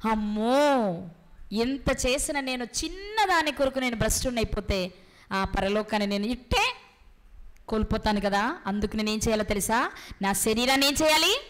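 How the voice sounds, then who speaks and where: High bright-voiced woman preaching. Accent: Telugu. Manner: rhetorical questions, dramatic pauses. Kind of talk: sermon.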